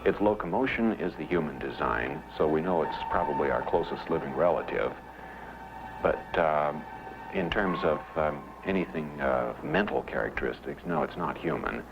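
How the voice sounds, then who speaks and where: A man explaining as an expert, informally, in a halting, deliberate, matter-of-fact way. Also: a bass voice, big pitch swings, vocal fry, over music. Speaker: anthropologist interviewee. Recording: dull old film sound, faint noise.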